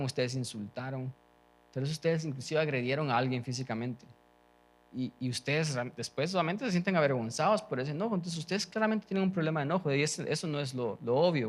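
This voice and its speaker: A young man preaching a sermon, talking to the congregation conversationally with frequent check-ins and restarts. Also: on the high side. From Guatemala.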